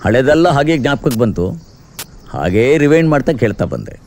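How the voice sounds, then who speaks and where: An actor playing a playful, confident psychiatrist who talks in a teasing, lively way in a film. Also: male voice, mid-range voice, brisk. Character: playful, confident male doctor. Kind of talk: film dialogue. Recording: film soundtrack with music.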